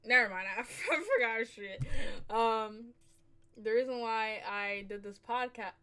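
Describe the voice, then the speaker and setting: Young woman hosting a podcast, kinda high voice, gets loud and laughs a lot, chill chat. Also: unhurried, clear, resonant tone. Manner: loud, laughing, bursts of excitement. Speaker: podcast host. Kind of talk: casual chat.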